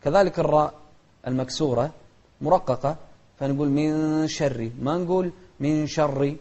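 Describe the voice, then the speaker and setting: Man, Quran recitation teacher, quick explanations, slow chanted examples, slightly high warm voice, dull lo-fi sound. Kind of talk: tajweed lesson with demonstrated recitation.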